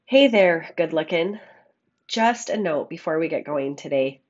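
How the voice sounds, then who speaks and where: A woman podcast host with a scratchy frog voice, hoarse from a cold, giving a reflective monologue and addressing listeners affectionately on a makeshift microphone. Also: deep voice, lively intonation, measured pace, a little mellow, lo-fi sound. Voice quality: scratchy, froggy voice. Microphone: makeshift microphone, not a studio one.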